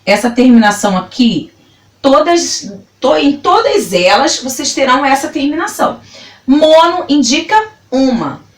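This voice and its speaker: Slow, lively woman teaching. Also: high voice. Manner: slow, spells words out syllable by syllable. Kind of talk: classroom grammar lesson. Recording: echoey room, voice from a distance.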